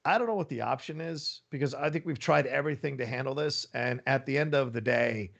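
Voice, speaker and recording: A man leaving a voice message on a phone, speaking haltingly and earnestly with many restarts. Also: mid-range voice, vocal fry, fairly bright tone.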